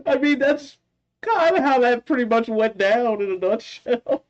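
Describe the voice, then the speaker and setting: Slow, animated reaction host, dull lo-fi sound. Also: medium pitch. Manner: giggly, exclamatory, musing. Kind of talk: casual reaction commentary.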